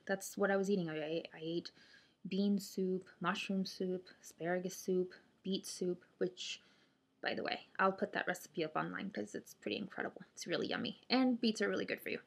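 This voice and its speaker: A woman chatting casually to camera as a vlogger, hesitant and thinking aloud, speaking with a stiff mouth and limited jaw opening after jaw surgery. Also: medium pitch. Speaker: vlogger sharing surgery recovery update.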